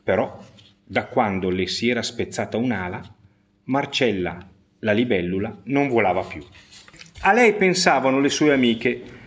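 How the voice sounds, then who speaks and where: A man narrating a children's fairy tale, expressive, with rising swells and slowed emphasis. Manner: expressive storytelling with pitch swings and slowed emphasis. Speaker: storyteller.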